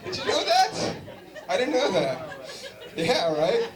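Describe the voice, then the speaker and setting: A high-pitched Southern California comic speaks slowly yet animatedly in a loose, chatty set, using plenty of fillers and bantering with the live crowd. Laughter and crowd noise echo through a roomy venue recorded from afar.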